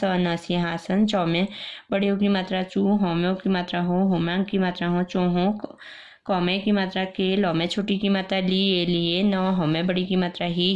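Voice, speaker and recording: A woman schoolteacher with an Indian accent and a lowish voice carefully spells out each syllable of a story for small children. She keeps a slow, patient classroom manner throughout. The recording is muffled and lo-fi. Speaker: primary school teacher. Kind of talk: reading a children's story aloud, sounding out syllables. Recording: dull lo-fi recording.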